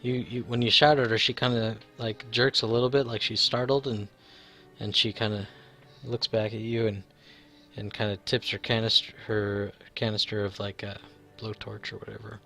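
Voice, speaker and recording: Low-voiced rambling game master. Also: male voice, little pitch movement, normal speed, sharp tone, faint music behind. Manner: rambling, full of fillers. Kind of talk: narrating a tabletop game.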